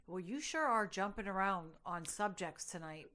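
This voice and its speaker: A woman's voice: medium pitch, animated, moderate pace, sharp tone. A woman co-hosting a podcast in casual chat, arguing bluntly and sounding exasperated. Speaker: podcast co-host.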